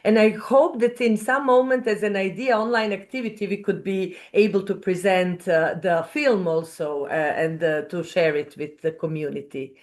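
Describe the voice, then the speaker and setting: A woman's voice: medium pitch, fairly even intonation, moderate pace, few pauses. A woman moderating an online webinar, thanking speakers and passing the floor with some fillers.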